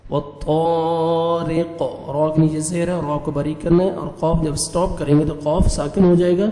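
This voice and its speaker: A man teaching Quran recitation, spelling out letters and vowel marks, then chanting the words slowly and melodically with quick explanations in between. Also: a little high, steady tone, dark tone, reverberant, big-room sound, low-quality recording. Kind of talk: spelling out and reciting verses with tajweed rules.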